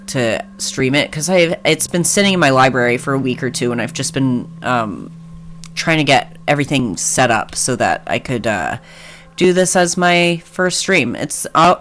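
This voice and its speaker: A man's voice: medium pitch, fairly bright tone. A man chatting casually on a live stream, hesitant and self-deprecating as he reads a game aloud.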